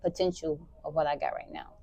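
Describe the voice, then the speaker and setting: Relaxed teen girl. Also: sits low, brisk, vocal fry, no room sound. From Memphis, Tennessee. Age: teens. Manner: relaxed, rambling, many "like" fillers. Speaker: high school sprinter interviewee. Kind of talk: casual interview answers.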